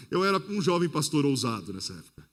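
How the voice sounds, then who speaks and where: A Brazilian man preaches to a congregation in a fairly high voice. His sermon is lively, he speaks straight to the listeners, and he acts out the people in his stories. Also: a little fast. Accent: Brazilian Portuguese. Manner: storytelling that acts out the people it quotes. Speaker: pastor.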